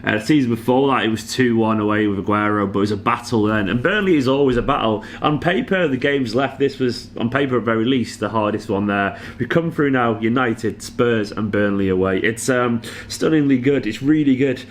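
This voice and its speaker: A man's voice: mid-range voice, brisk, few pauses, slight background noise. A hungover, exhausted man giving a casual, weary football reaction as a fan channel host. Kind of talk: casual post-match reaction monologue.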